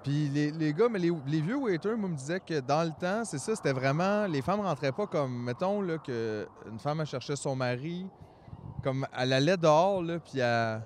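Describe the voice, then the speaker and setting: A man's voice: on the high side, animated, normal speed, a little hiss or hum. A Québécois man in his forties, a podcast co-host telling a long story in an earnest, rambling way in casual chat. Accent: Québécois French. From Quebec, Canada. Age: 40s.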